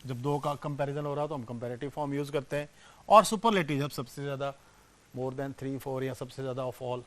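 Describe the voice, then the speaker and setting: A man with a fairly bright, somewhat high voice gives a classroom grammar lecture, teaching English step by step and checking in often with questions. His volume rises and falls sharply, and he slows down to stress example sentences.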